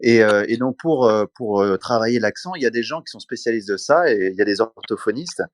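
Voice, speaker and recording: A man adding his opinion in an online audio room, speaking in a measured way with many fillers. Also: lowish voice, no echo, clean studio sound. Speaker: participant.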